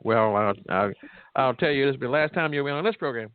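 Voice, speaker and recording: A man's voice: mid-range voice, lively intonation, fast talker, a crowd in the background. A man hosting a casual interview in a joking, teasing way, on phone-like audio. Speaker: host, pastor and church musician. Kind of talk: casual chat. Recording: dull, narrow phone-like sound.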